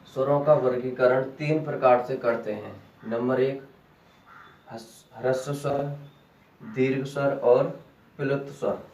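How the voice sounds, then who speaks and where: Slow echoey male grammar teacher. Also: medium pitch, a little mellow, muffled recording, a little hiss or hum. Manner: repeats key terms as questions to students; slow and deliberate. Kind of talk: classroom grammar lesson. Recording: echoey room, voice from a distance.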